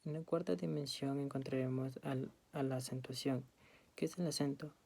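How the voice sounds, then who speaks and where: A woman reading study notes aloud as a student presenter, in a steady, list-like way. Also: very deep voice, normal speed, creaky.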